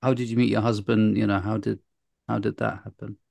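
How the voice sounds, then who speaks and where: A man's voice: on the low side, flat delivery, brisk, creaky, darkish tone. A man hosting a podcast interview, chatty and rambling with fillers, after a read intro. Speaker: podcast host. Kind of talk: scripted intro then casual interview.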